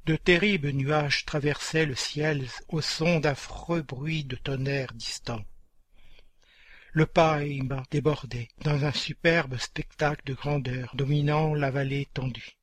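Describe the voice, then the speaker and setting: A man narrating a dramatic story in a solemn, measured way. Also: fairly high pitch, steady tone, a bit bright, no echo.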